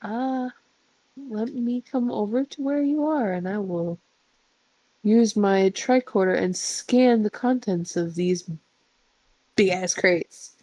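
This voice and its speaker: A woman's voice: mid-range voice, mellow, no room sound, low-quality recording. A woman playing in a tabletop game, cautiously suggesting the group scan things. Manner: cautious, drawn-out delivery. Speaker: player. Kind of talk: casual tabletop game chat.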